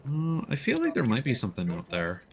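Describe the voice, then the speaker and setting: Here a livestreaming gamer talks briskly at a medium pitch, his pitch swinging hugely. He muses out loud in a halting, casual way as he plays, with video game audio clearly audible in the background.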